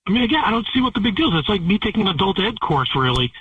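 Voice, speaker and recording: A man's voice: sits high, sing-song, very fast, slightly rough, no echo. A man on a phone call to a radio show, defending himself with stammering denials. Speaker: caller being confronted on a radio prank call. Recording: tinny phone line, distant from the mic.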